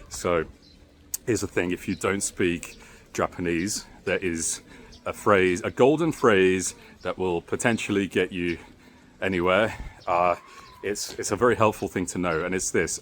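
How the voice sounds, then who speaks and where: Slight background noise accompanies this travel vlogger, a man with a voice on the low side whose native language is Bosnian. Walking through a park outside, he gives wordy, chatty commentary sprinkled with sightseeing flourishes.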